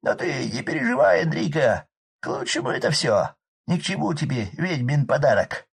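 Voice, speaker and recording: A hoarse, garrulous drunk from a village, his voice jumping high and loud as he fusses and rambles. He mutters pieties between excitable complaints, rough and husky throughout. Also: normal speed, exaggerated voice. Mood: agitated fussing. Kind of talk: audiobook character voice.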